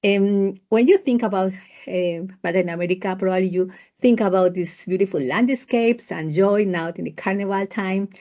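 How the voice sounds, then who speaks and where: A woman with a Colombian Spanish accent presents research in a webinar, measured and hesitant, with frequent fillers. Her voice is mellow and warm. It comes over a slightly dull video call line. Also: medium pitch.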